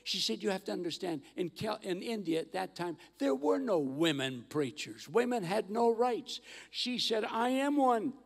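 An older man telling mission stories in a sermon on a church stage, animated and acting out the voices of the people in his stories. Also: high voice, moderate pace, creaky. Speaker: guest missionary speaker. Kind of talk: storytelling sermon. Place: large church auditorium stage. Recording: long hall reverb.

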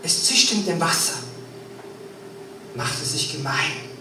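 A woman giving an experimental spoken-word performance, chanting long rhythmic lists with sweeping swings between hushed and loud. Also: sits low, slow. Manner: incantatory, rhythmic listing with sweeping shifts in loudness and pace. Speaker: performance poet. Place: live stage in a reverberant room. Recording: distant live recording in a very echoey room with faint noise.

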